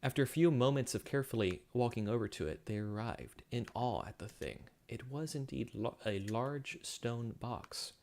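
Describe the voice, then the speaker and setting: A man's voice: medium pitch, moderate pace, few pauses, a little mellow. A man reading his own science fiction story aloud, with occasional slips and self-corrections. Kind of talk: story narration.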